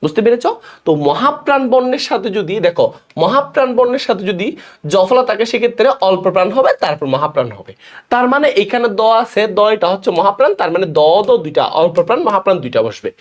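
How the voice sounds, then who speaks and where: A man's voice: high voice, very animated, fast talker. A young man with a Bangladeshi Bengali accent teaching a class, explaining step by step and often asking his students questions. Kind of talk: classroom lecture.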